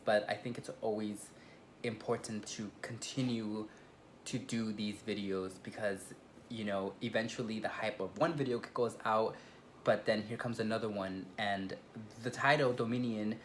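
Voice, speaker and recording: A man's voice: on the low side, a bit bright, a little hiss or hum. A man co-hosting a conversational review, speaking in a casual, discursive way. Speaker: co-host reviewing a documentary.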